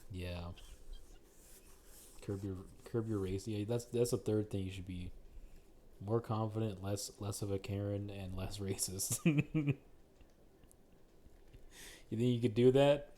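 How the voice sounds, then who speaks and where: A man's voice: lowish voice, slow pace, pauses often, mellow, slight background noise. A young man co-hosting a casual podcast chat, teasing his friends and laughing often. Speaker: podcast co-host.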